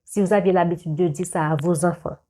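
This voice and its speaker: A young woman video creator gives direct-to-camera life advice fairly quickly in a warm, fairly low voice with fairly even intonation. She is earnest and lecturing, often repeating words and restarting, and there is slight background noise.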